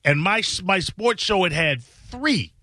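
A man's voice: high voice, lively intonation, a little slow, sharp tone, no echo, studio quality. A man in casual, bantering radio talk, telling stories in colloquial speech and repeating phrases for emphasis. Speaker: radio show host.

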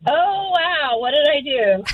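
A woman's voice: high-pitched, fairly bright tone, slight background noise. A woman talking over the phone line on a radio show, blunt and indignant. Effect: heard over the phone. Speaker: radio call recipient. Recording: dry muffled phone line.

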